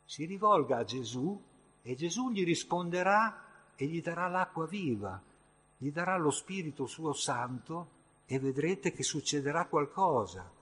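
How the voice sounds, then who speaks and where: Male preacher, slightly high, husky voice, unhurried emphatic sermon, long hall reverb. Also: expressive. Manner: slow, emphatic delivery with sudden surges in loudness.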